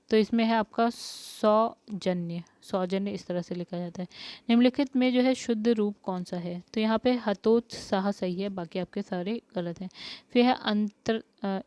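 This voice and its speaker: Woman teacher explaining spelling, smooth voice. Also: medium pitch, mellow, dry recording. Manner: explains step by step, asks questions then answers them. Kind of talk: spelling lesson for exam prep.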